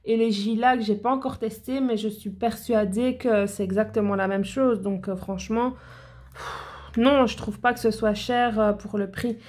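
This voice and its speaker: A woman's voice: a little high, steady tone, moderate pace, a little mellow. A woman nail educator talking in a chatty, enthusiastic way to her viewers in a casual product haul, with many fillers and restarts.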